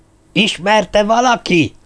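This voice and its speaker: Guy putting on a bossy old dwarf, higher voice, loud and pushy. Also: lightly acted. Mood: gruff demanding. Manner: loud, demanding, bangs on the table. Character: blustering old male dwarf circus leader.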